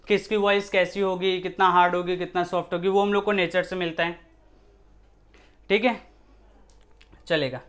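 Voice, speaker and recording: A man's voice: high-pitched, a bit bright. Male science teacher, casual, repeats and self-questions. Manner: repetitive, rhetorical questions, shifts voice to demonstrate. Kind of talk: casual classroom explanation.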